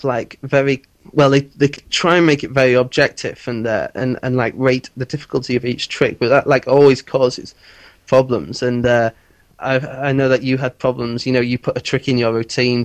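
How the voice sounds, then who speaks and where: A man's voice: mid-range voice, no room sound. A man, a podcast guest, talking casually with lots of "like" and restarts. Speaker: guest, host's twin brother. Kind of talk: casual interview chat.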